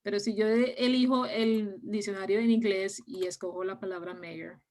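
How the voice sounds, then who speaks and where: A woman's voice: mid-range voice, steady tone, normal speed, darkish tone. Woman, English teacher, patient explaining, video call. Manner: explains patiently, mixing Spanish with English words. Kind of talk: online class explanation. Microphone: laptop mic on a video call.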